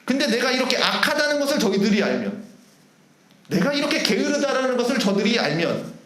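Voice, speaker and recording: Pastor, male, high animated voice; preaching in an echoey church hall. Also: fairly quick. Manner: animated, rhetorical questions to the congregation. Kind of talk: sermon. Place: church sanctuary. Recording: roomy church hall echo.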